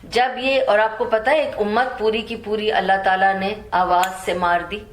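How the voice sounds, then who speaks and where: A woman gives a Quran commentary lesson. She recites verses slowly, then explains them in laced with English words. Her mid-pitched voice rings in a roomy, echoey space. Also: steady tone. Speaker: Quran teacher.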